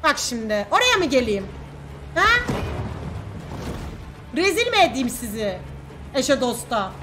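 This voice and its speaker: A woman's voice: high voice, big pitch swings, slow, music in the background. A woman streaming a video game, joking, swearing and taunting the characters in casual commentary. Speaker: gameplay streamer. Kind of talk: casual let's-play commentary.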